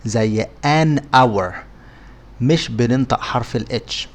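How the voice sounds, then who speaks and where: Speaking with an Egyptian Arabic accent and a medium-pitched voice, a man teaches English words in a scripted lesson. He pronounces each example slowly and carefully.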